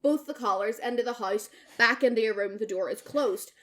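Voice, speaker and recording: Her voice sits fairly high and moves a little quickly as this young podcast co-host chats casually through a story. Swearing without restraint, she stays animated and performs the lines of the people she quotes.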